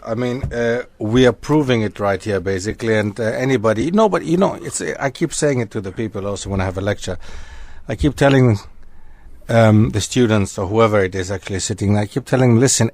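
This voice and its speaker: A man who grew up in Germany, a guest historian on a radio talk show, lecturing in an animated way that wanders from point to point. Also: medium pitch, fast talker, no room sound. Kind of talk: radio discussion. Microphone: studio microphone.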